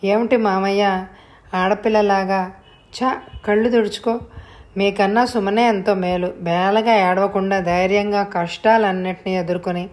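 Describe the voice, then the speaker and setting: A woman's voice: medium pitch, steady tone, normal speed, a little mellow, lightly acted. A woman voicing a young male lawyer who talks in a firm, scolding way.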